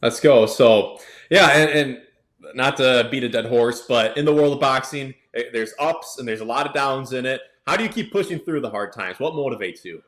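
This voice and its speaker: A man's voice: mid-range voice, moderate pace, a bit bright. A man hosting a casual sports interview, informal and given to repeating phrases for emphasis. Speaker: interview show host.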